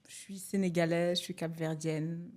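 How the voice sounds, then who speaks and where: A woman's voice: lowish voice, level tone, normal speed, darkish tone. A middle-aged woman from France, speaking as a podcast guest, hesitant and full of fillers. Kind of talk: casual podcast conversation.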